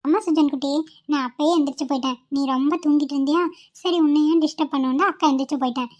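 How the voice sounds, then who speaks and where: A woman's voice: high voice, fairly even intonation, rapid-fire, darkish tone, close to an everyday voice. A young woman voicing a caring, polite young woman in a cartoon who looks after children and soothes others. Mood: gentle. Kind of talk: cartoon voice acting.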